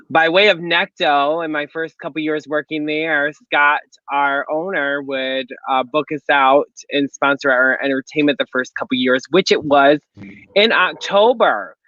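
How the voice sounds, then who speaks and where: A man's voice: fairly high pitch, pushed and bright, no room sound. A man speaking as a guest on a video call, telling his story with some hesitation. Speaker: guest, pride entertainment director. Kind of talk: casual video-call interview. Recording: dull lo-fi video-call audio.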